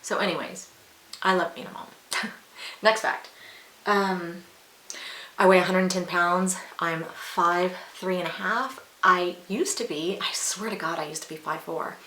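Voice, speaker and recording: A beauty vlogger in her forties talks casually and candidly while putting on makeup, drifting into side comments. She speaks at a measured pace in a lowish, bright, forceful voice, captured with a roomy echo and light hiss.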